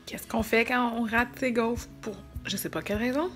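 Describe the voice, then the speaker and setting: Her voice a little high and her intonation fairly even, a Quebec French-accented vlogger in her thirties chats informally to camera at a moderate pace. She's self-deprecating with her viewers, and there's faint music behind.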